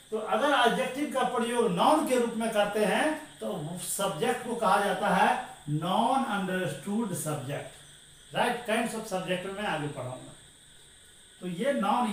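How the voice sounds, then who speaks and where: A man teaching English grammar to a class. He asks questions and then answers them himself, and he keeps calling his listeners "dear". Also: high-pitched. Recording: very echoey room, voice far from the mic, faint noise.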